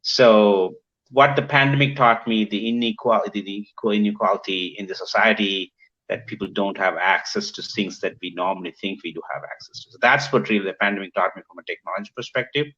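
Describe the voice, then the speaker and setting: Sri man, low voice on a muffled call. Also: brisk, sharp tone. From Sri Lanka. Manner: reflective, often adds "right?" to his points. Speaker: panelist. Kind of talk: webinar panel conversation. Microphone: video call.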